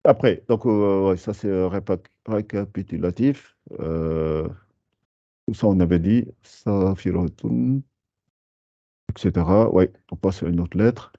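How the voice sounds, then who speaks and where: Low, mellow-voiced man teaching slowly. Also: no echo, highs cut off. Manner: patient, repeats sounds slowly to demonstrate pronunciation. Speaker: Arabic teacher. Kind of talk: live beginner language class.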